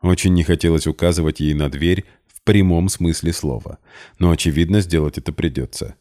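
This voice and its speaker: Man reading a story out loud, really low voice, dark mellow tone, steady. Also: a little fast. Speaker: audiobook reader. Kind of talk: scripted narration.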